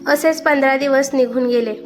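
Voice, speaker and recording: A woman's voice: high-pitched, fairly even intonation, normal speed. A woman telling a family story as scripted narration, reading steadily. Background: faint background music.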